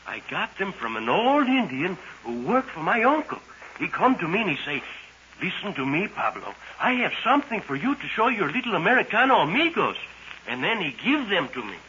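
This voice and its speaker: A man playing a playful, secretive young Mexican friend in a 1940s radio drama, with a Mexican accent and halting, quaint English. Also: high voice, very animated, sharp tone, full character voice. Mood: playful, teasing. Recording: muffled, faintly noisy 1940s radio recording.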